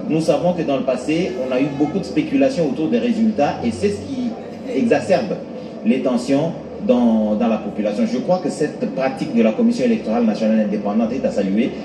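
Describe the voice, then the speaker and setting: A man giving live commentary on an election in deliberate, analytical phrasing. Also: medium pitch, echoey room, distant mic, background noise. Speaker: news commentator.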